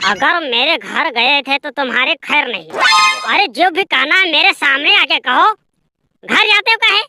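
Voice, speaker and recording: A woman voicing squabbling small-town men in a cartoon, scolding and bickering coarsely. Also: high voice. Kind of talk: cartoon voice acting. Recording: loud background noise.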